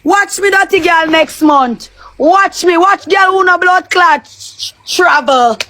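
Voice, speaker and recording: Rich: A very high, piercing Jamaican woman shouts taunts over and over in a heated live-stream quarrel. Her voice is bright and sharp as she hurls crude insults in thick patois. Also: takes it slowly, no room sound.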